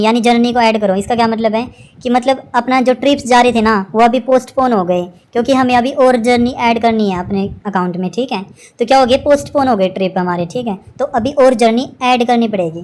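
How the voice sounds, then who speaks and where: A woman teacher, explaining word meanings with memory tricks, often asking "right?" and reading example sentences slowly. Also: a little high, a little mellow. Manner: repeats "ठीक है?" and asks rhetorical questions; reads English example sentences slowly and deliberately. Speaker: vocabulary teacher.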